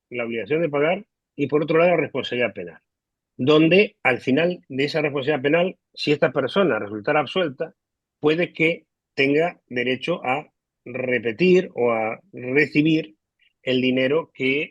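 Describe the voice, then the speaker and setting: A man on a video call explaining tax law in a measured way, hesitating often with "eh", over low quality stream audio. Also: no room sound. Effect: low quality stream audio, connection dropping. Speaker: legal expert guest. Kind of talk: explaining law in a remote interview. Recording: dull lo-fi online call audio.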